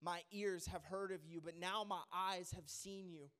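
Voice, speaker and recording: Lively high-voiced man preaching a sermon. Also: normal speed, smooth. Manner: lively, joking and rambling, with fillers and restarts.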